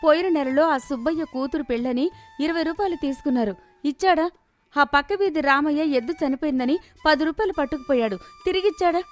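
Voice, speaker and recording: A woman voicing a shrewd village housewife who scolds, complains and wails in an animated story. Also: high voice, fairly quick, faint music behind, voice pushed up, lightly acted. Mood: scolding. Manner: scolding, then loud theatrical wailing.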